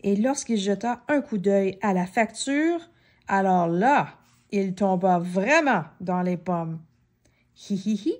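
A woman reading a children's story aloud, slowly and expressively, giving each character a voice. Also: medium pitch. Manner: expressive, slow and clear, voicing many characters.

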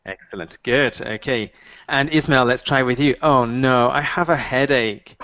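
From a small room at home, a man in his thirties wearing a headset runs a brief online English lesson on a video call, his medium-pitched voice set against a noisy background. Clear, patient, and encouraging, he models phrases at a slow pace, and the audio comes through dull and dry.

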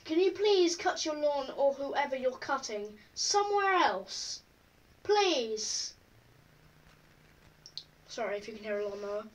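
A woman's voice: high voice, very animated, a little slow, pauses often, recorded from a distance, poor audio. A woman vlogging casually at home, reading quiz questions aloud and answering them offhand. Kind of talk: casual chat while taking an online quiz.

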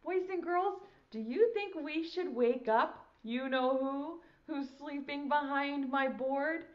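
A woman's voice: high voice, slow pace, highs cut off. A middle-aged woman leading a children's nursery-rhyme lesson in a broad, singsong, theatrical way. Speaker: preschool teacher hosting a children's circle time. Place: small indoor classroom set. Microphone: lapel mic.

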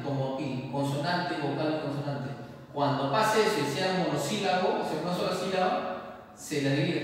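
Man, teacher, slow deliberate speech, voice slightly raised, repeats and checks understanding, heavy room echo, distant mic. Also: fairly high pitch. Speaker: English teacher. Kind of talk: classroom explanation. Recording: echoey room, voice from far off, faint hiss.

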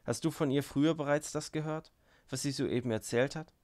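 A man's voice: on the high side, a little fast, darkish tone, close to an everyday voice. Aljescha, an earnest young monk, read by a man. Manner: earnest, pleading. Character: young male novice, gentle but impassioned.

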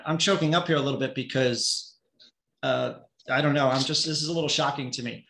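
A man's voice: medium pitch, gravelly, a bit bright, roomy sound. A middle-aged man, a town youth director, giving passionate, pleading public comment at a zoning hearing over a video call. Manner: passionate, pleading, emphatic repetition.

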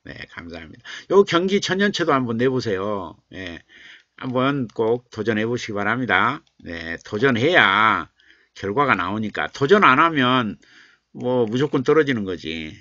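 A man's voice: medium pitch, big pitch swings, measured pace, sharp tone, dry recording, dull audio. A man hosting a live stream, reading viewers' comments and coaxing them, then muttering and repeating lines as he revises their poems aloud. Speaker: live-stream host, writing teacher.

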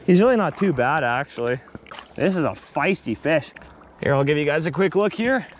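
A young man filming himself fishing on a river shore, chatting excitedly on an action camera with lots of fillers and restarts. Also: fairly high pitch, moderate pace, background noise. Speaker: fishing vlogger. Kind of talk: casual on-the-spot fishing commentary. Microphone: action camera on body.

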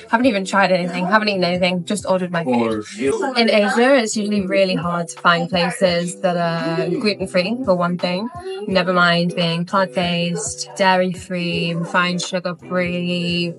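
A woman's voice: on the low side, rough recording. Chatty young woman vlogging on her phone. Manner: chatty and upbeat, many fillers. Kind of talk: casual vlog to camera. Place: outdoors on a rooftop and streets, then inside a cafe. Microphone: phone camera at arm's length.

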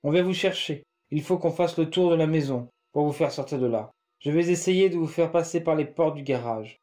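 A man voicing Laurent, a steady adult man giving firm instructions during a rescue. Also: on the high side, brisk, faint music behind, lightly acted. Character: calm helpful adult man, neighbor Laurent.

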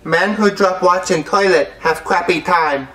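A man doing a deadpan proverb-spouting woman doctor. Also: high-pitched, low-quality recording. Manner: flat, slow, proverb-like.

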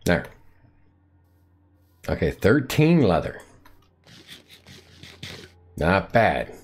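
A man's voice: sits low, big pitch swings, extremely slow, husky. A man streaming a survival game live, chatting playfully to himself and to the animals on screen. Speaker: gaming streamer. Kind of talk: live gameplay commentary.

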